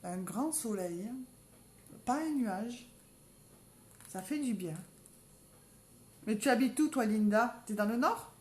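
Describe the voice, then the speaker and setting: A woman's voice: on the high side, lively intonation, slow, pauses often, darkish tone. A woman with a southern French accent, chatting casually to viewers in a live makeup tutorial and calling out to them constantly. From south of France. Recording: roomy echo, faint background ambience.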